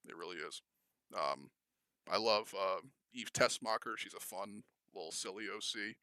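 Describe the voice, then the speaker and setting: A young man rambles eagerly through a casual film chat on a podcast, full of "um"s and restarts. His voice is bright and forward, recorded dry and close with little room sound. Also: on the low side, moderate pace, no echo. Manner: rambling, enthusiastic, many fillers and restarts. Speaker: podcast co-host.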